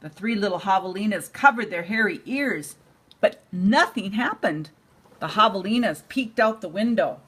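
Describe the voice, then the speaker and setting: Reading to a child at bedtime, this grandmother speaks slowly and expressively. Her pitch is medium, with some breathiness at the edges.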